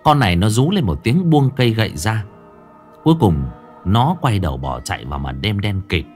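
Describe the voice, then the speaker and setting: A male storyteller narrates a ghost story with dramatic, lively delivery. His pitch moves a great deal, building suspense. Faint music plays underneath. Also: moderate pace.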